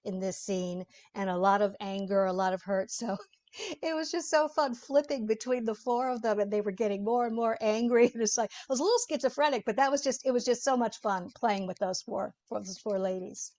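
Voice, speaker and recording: A woman's voice: a little high, a little fast, a little mellow. A woman voice actor talking through her work in an interview, chatty and explanatory, laughing easily. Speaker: voice actor guest. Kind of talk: interview conversation.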